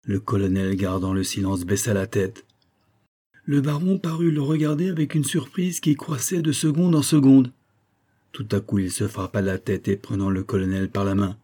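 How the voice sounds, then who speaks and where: A man narrating an audiobook in a measured, steady reading. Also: on the low side.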